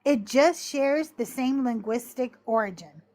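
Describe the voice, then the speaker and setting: A woman hosting a live-streamed talk, explaining scripture in a measured, reflective way, a little short of breath. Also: sits high, a little mellow. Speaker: podcast host teaching on scripture.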